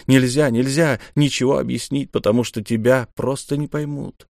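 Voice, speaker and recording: A man's voice: mid-range voice, steady tone, moderate pace, gravelly, darkish tone, no echo, studio quality, pitched above the performer's own voice, close to an everyday voice. A man voicing a proud, desperate young noble duelist, pleading in heated, raised outbursts.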